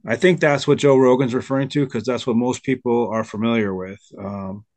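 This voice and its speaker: A man's voice: medium pitch, steady tone, brisk, a little mellow, no echo. A man hosting a casual video-call discussion, talking hesitantly with lots of fillers. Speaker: host.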